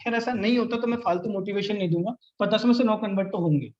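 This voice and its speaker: The speaker is a young man hosting live online sales training in an energetic, coaching style, breaking into brief mock conversations and voicing both participants. His fairly high voice comes through roomy and a bit dull, like a live stream.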